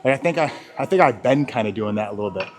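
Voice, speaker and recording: A fitness vlogger, breathless at the gym, talks casually and rambles, swearing and going off on lots of tangents. His mid-range voice is expressive and fast, and music plays clearly in the background.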